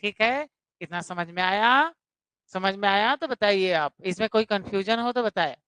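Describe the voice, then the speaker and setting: A woman teaches a live online English grammar class in an explanatory, repetitive style, going over points again and questioning her students directly. Her medium-pitched voice is animated and a bit bright with a clean tone, at normal speed, with no room sound.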